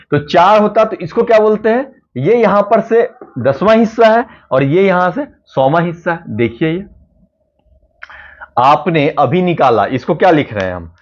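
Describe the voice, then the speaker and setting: Lively-voiced man teaching math. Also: a little high. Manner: explains step by step, often checks understanding. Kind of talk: exam-prep math lecture. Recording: dull lo-fi recording.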